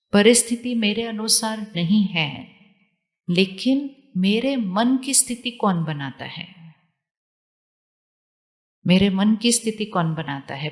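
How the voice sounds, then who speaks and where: A woman giving a spiritual talk to a live audience, calmly repeating questions to her listeners. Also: medium pitch, long reverb tail. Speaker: spiritual teacher.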